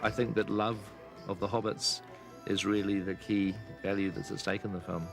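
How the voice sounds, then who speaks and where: A man's voice: on the low side, steady tone, normal speed, gravelly, over music. A man speaking reflectively in a documentary interview.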